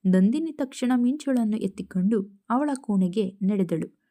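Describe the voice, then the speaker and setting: A woman telling a romantic audio story in steady, scripted narration. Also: mid-range voice, normal speed.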